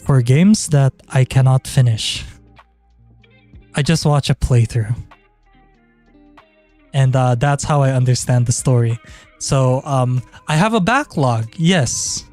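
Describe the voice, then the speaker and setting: A male streamer chats casually on a livestream, rambling and swearing freely over background music. His medium-pitched, darkish voice moves slowly, with frequent pauses.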